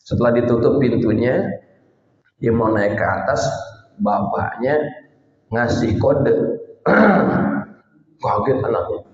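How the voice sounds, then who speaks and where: A man preaching a storytelling sermon, speaking directly to his congregation with dramatic pauses. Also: medium pitch, lively intonation, darkish tone. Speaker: Islamic preacher. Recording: roomy, slightly muffled hall recording.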